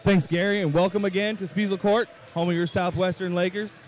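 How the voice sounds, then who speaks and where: Courtside reporter, man, fairly high voice. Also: flat delivery, a little fast. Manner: loose, rambling with fillers. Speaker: sideline reporter. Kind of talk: pregame sports report.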